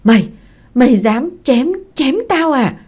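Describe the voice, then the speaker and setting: A woman's voice: on the low side, lively intonation, measured pace, warm tone, breathy edge. A woman voicing a drunken, stubborn ex-husband who pleads and insists. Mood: raging.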